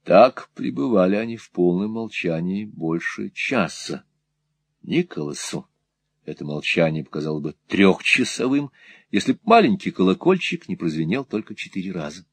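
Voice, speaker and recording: A man narrating a classic novel as an audiobook, with measured and dramatic storytelling. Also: deep voice, animated, slightly rough, no echo.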